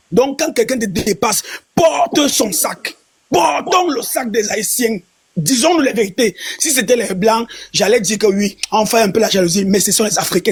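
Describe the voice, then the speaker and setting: A man with a Cameroonian accent speaks in an impassioned, declamatory way on a live stream, full of slogans and rallying cries. His voice is unusually high for a man, with a husky, breathy edge. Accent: Cameroonian French.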